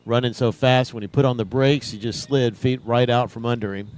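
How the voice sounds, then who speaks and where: A man's voice: mid-range voice, steady tone, fairly quick, darkish tone. A man giving conversational live commentary on a baseball broadcast. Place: at a baseball ballpark.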